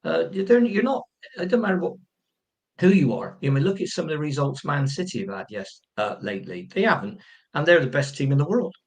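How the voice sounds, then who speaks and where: A man's voice: a little high, big pitch swings, fairly quick. A man chatting about football on a podcast, rambling and breaking into impressions. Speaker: pundit. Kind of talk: casual football podcast chat.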